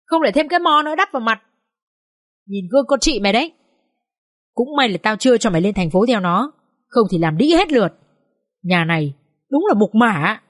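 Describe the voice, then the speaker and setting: A woman's voice: on the high side, expressive, fairly quick, long pauses, no room sound, clean studio sound. A woman voicing an enraged middle-aged rural father who scolds and insults harshly. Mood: furious scolding.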